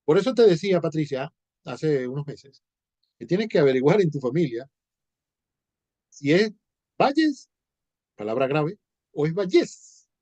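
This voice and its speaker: A man's voice: on the high side, animated, normal speed, pauses often, warm tone, no room sound. A male teacher with a Venezuelan Spanish accent, giving an informal class and acting out little dialogues to explain rules. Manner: explains with examples, acts out dialogues.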